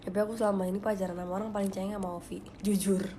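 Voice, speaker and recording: A woman's voice: medium pitch, little pitch movement, rapid-fire, noisy background. A young woman, chatting casually on a phone livestream in a confiding way that often drops to a whisper. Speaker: livestream host.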